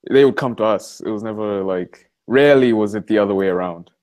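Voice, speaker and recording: With a voice on the low side and a fairly quick pace, this eighteen-year-old man from Malawi, a college student, speaks casually as an interview guest. He's on a video call from a library study room, relaxed and conversational, leaning often on "like" and "you know."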